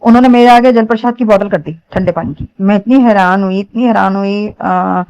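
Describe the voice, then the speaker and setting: A woman's voice: mid-range voice, fairly quick, a little mellow, clear, resonant tone, dull audio. A woman, giving an earnest, rambling devotional testimony to a congregation. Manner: earnest, rambling, many restarts.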